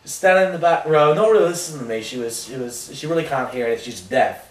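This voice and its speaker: A man playing an oblivious washed-up rock singer in a mock interview, rambling deadpan through absurd tangents. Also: medium pitch, fast talker, close to an everyday voice. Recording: roomy sound from a distant mic.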